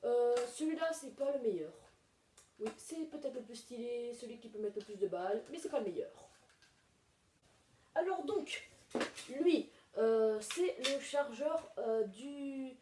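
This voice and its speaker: A woman's voice: a little high, expressive, measured pace, dark tone. A woman hosting a casual home video review, rambling with lots of hesitations. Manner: rambling, many hesitations and fillers. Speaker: video host reviewing toy blaster magazines. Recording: echoey room, mic far off, noisy.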